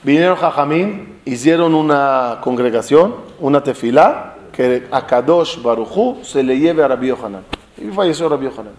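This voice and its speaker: Man teaching a lively Talmud class. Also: mid-range voice, normal speed. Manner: animated storytelling with rhetorical questions; mixes Hebrew study terms into his speech. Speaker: Torah teacher. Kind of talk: Talmud class to a live group.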